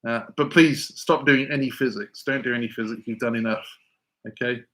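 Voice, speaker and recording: A physics teacher hosting a live Q&A answers viewers' exam questions, rambling with many stammered restarts and reading chat messages aloud. His mid-range voice is steady, a little fast and fairly bright in tone.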